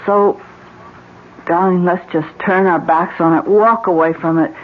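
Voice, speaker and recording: An actress with an American accent playing an anxious, pleading wife in an old-time radio drama. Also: female voice, lowish voice, steady tone, unhurried, lightly acted. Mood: firm pleading. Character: anxious, pleading wife urging her husband to leave. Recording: thin, phone-like old radio recording.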